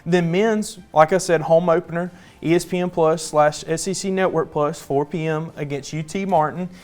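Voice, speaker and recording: A man's voice: a little high, steady tone, moderate pace. A young man, anchoring sports on a student newscast in an upbeat, chatty way. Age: young adult. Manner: chatty, upbeat, casual fillers.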